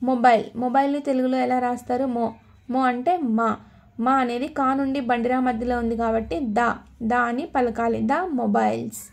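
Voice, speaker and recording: A woman with a Telugu accent leads an English grammar lesson, her voice sitting a little high with a gravelly edge. She repeats key words and keeps asking her learners questions as she explains. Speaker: spoken English teacher.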